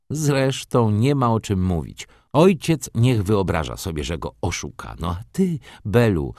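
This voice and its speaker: A man voicing a brisk, gossipy older countess aunt in an audiobook reading. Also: sits low, a little mellow, dry recording, studio quality, full character voice. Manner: lecturing, gossipy, confident.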